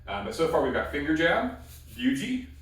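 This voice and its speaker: A man's voice: fairly high pitch, very animated, normal speed, a bit bright. A man teaching a martial arts technique, explaining step by step in plain instructional talk with short, repeated cue words. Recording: very echoey room, distant mic.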